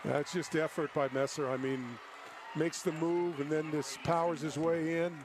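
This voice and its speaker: A man's voice: fairly high pitch, steady tone, moderate pace. A man giving casual color commentary on live American football in short, clipped remarks. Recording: crowd and stadium noise behind.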